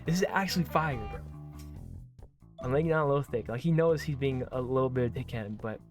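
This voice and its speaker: This game streamer reads a visual novel aloud for his let's play, throwing in casual, slangy, effusive reactions and curses. His voice is medium-pitched and animated, he speaks quickly, and soft music plays behind him.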